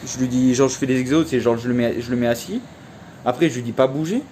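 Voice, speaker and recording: Chatty young man with a mellow voice. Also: mid-range voice, fast talker, slight background noise. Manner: chatty, slangy, many fillers like "en fait". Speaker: vlogger. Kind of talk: casual storytelling vlog.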